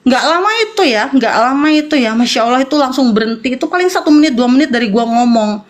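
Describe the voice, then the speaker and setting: A woman's voice: high-pitched, animated, quick pace. A woman, a guest in a casual chat, telling a personal story in slangy talk and often repeating herself.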